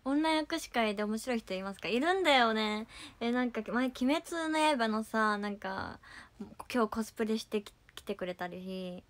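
A young woman casually chatting on a livestream, reading viewer comments with playful giggles and trying quick cartoon impressions. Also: a little high. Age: young adult.

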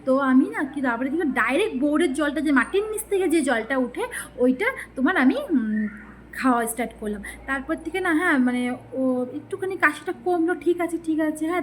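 A lifestyle vlogger from West Bengal, India, chats casually with her viewers in a high-pitched voice, rambling with many fillers and restarts. A little hiss or hum runs under the recording.

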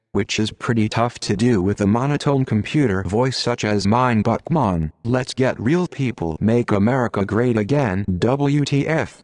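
A man voicing a sarcastic male AI blogger bot with a monotone computer voice, in a comedic scripted monologue. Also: on the low side, no echo, lightly acted. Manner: sarcastic, mock-formal.

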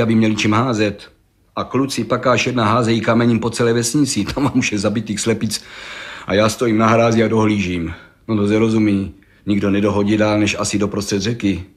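A man voicing an excitable, boastful middle-aged village gendarme who tells his tale in an eager, rambling rush. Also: lowish voice, natural voice. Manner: rambling, eager, breathless storytelling. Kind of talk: audiobook reading.

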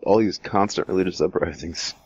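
Low-voiced man joking during play. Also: brisk, darkish tone, breathy edge, no echo, dull audio. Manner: joking, teasing banter. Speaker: co-op player. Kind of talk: casual gameplay chat.

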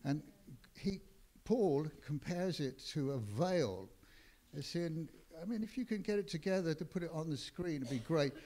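A man preaching a sermon as pastor in a church, with a deliberate delivery that swells and drops in loudness for emphasis. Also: on the high side, lively intonation.

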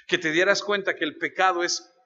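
Male pastor, sermon; high bright voice, storyteller who quizzes the congregation; dull lo-fi sound in a long-reverb church hall. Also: fairly even intonation, fairly quick. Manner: storytelling, addresses listeners directly with questions.

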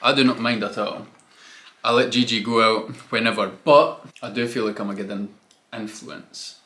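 Young guy vlogging, slangy and chatty, bright tone. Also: lowish voice, fairly even intonation, brisk. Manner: chatty, loose, uses slang like mate and innit. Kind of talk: casual chat.

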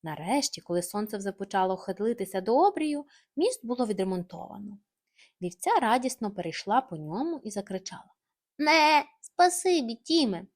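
Gentle, expressive woman storyteller. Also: medium pitch, brisk. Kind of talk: bedtime story narration.

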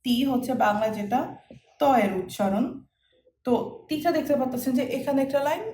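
A woman's voice: high voice, brisk, warm tone. A woman teaching a language class in a casual way, patiently repeating sounds while she writes letters out. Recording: echoey room with faint noise.

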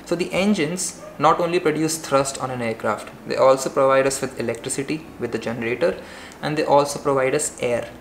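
A young male pilot giving a brisk, plain cockpit tour in an explanatory vlog, filmed indoors at home on a camera in front of him. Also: mid-range voice. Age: young adult. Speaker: airline pilot. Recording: roomy with faint background hiss.

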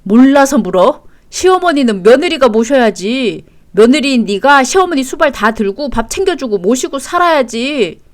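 A woman's voice: a little high, very animated, moderate pace. A woman voicing an angry, entitled middle-aged husband who talks indignantly in a read-aloud story. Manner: shouting, indignant.

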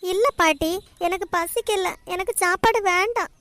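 A woman voicing a gentle, troubled young female student in a cartoon, tearful and pleading. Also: very high voice, moderate pace, slight background noise. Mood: subdued. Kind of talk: cartoon voice acting of several characters.

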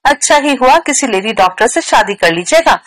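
A woman's voice: fairly high pitch, lively intonation, brisk, fairly bright tone, rough recording. A woman voicing an upset young woman who speaks reproachfully and bitterly in a read-aloud novel.

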